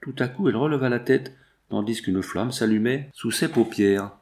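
A man reading a novel aloud as the narrator, in measured, even scripted narration. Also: medium pitch. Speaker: audiobook narrator.

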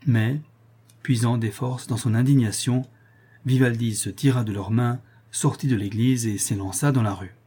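A man narrating a classic novel in a steady, measured reading. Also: mid-range voice, breathy edge. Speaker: audiobook narrator.

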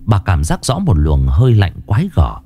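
A man narrating a ghost story in an expressive, dramatic way. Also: moderate pace. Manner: expressive, swinging pitch. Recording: narration over background music.

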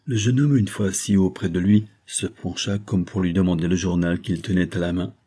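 A man narrating a classic novel as an audiobook, in a measured, formal storytelling manner. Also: deep voice, steady tone, mellow, slightly rough. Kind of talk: scripted narration.

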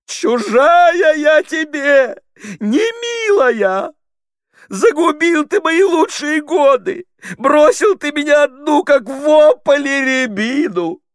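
A man reading aloud, voicing a heartbroken woman who wails and laments in a slow, drawn-out way. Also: very high voice, very animated, no room sound, studio quality, voice pushed up, exaggerated voice. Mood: wailing lament. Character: wailing heartbroken young woman on stage.

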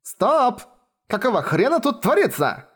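A man's voice: mid-range voice, moderate pace, lightly acted. A man voicing a brash, short-tempered young female sorceress with snappy retorts. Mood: shouting.

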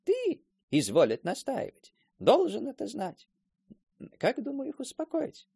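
Old village chatterbox, husky, high and wildly sing-song. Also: male voice, dry recording, clean studio sound, exaggerated voice. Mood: storytelling. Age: older. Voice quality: husky and creaky. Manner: lively, quick to mimic others' voices. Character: talkative old village man spinning a yarn. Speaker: storyteller character. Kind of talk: radio play acting.

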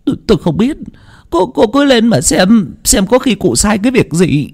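A frightened servant, as a male storyteller puts him on, stammers out a hurried message. The voice sits higher and tighter than the narration, tripping over each word. It sits in a spoken audio story. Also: very animated, gravelly, darkish tone, exaggerated voice. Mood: panicked.

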